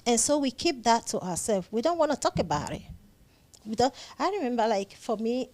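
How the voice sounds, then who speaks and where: Her pitch runs on the high side and swings widely, with a darkish tone and a slightly fast delivery. A Nigerian-accented psychiatric nurse practitioner, she appears as a guest in a conversational interview, emphatic and earnest, stressing ideas by repeating phrases.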